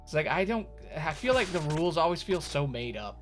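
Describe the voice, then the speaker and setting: A man's voice: on the high side, big pitch swings, fairly quick. A man doing casual, sweary, joking commentary as he streams a video game. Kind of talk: casual gaming commentary and chat. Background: music, clearly heard.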